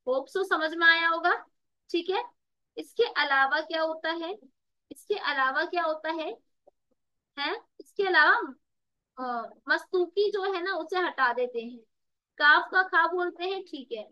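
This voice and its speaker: A woman's voice: extremely high pitch, a little slow, sharp tone, no echo, lo-fi sound. A woman tutor giving an online exam-prep lesson, calling students "beta" and repeating words with rhetorical questions to the class. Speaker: Urdu tutor.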